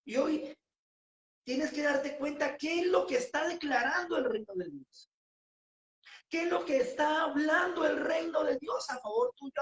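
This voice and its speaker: A woman preaching a sermon with passion, rising to shouts on key phrases. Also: high voice, roomy sound.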